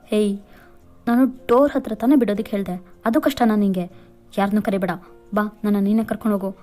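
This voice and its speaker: A woman voicing a gruff, bossy injured young man. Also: medium pitch, fairly even intonation, brisk, warm tone, faint music behind, lightly acted. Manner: snappish, scolding, demanding.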